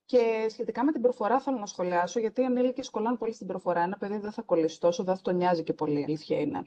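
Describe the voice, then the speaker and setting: Greek-born woman podcast host, earnest and emphatic, mellow voice, kinda lo-fi sound. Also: mid-range voice, slight background noise. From Greece. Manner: earnest, emphatic, mixes English words into speech. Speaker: French teacher and podcast host. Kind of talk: casual podcast conversation.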